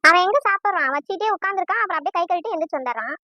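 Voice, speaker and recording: A middle-aged cartoon mother fusses anxiously over her family, voiced by a woman. Her voice sits very high. The sound is lo-fi and dry. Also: lively intonation, very fast, no room sound. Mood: worried. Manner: fussing, anxious.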